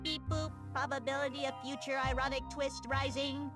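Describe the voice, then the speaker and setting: A woman voicing a deadpan female robot cat fighter, with a robotic voice and flat, literal machine-like speech, over loud game music. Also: sits high, normal speed. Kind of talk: video game voice acting.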